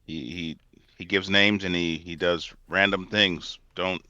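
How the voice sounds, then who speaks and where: A very deep male voice with a bright, forceful edge, recorded dry and close. He talks excitably and theatrically, as a player at a tabletop game. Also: measured pace, no room sound, muffled recording. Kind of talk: casual tabletop play.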